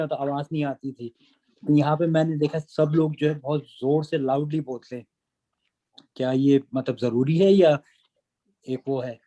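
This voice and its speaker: A man's voice: fairly high pitch, dark tone. Hesitant man asking in class. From Pakistan. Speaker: student.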